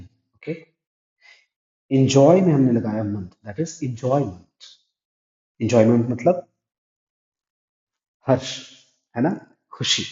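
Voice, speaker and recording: Dull lo-fi audio from an echoey room captures a man with a mellow, medium-pitched voice. He gives a classroom-style English grammar lesson, going step by step and raising questions he then answers himself.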